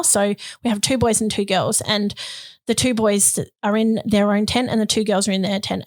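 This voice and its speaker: Croaky Australian woman chatting. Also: mid-range voice, dry recording. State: croaky voice while recovering. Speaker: podcast co-host. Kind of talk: casual conversational podcast chat.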